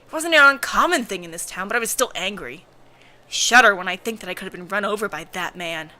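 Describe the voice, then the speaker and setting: A woman's voice: medium pitch, expressive, fast, bright, forceful tone. A woman reading first-person visual novel narration as an amateur voice-over. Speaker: narrator and reader. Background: music.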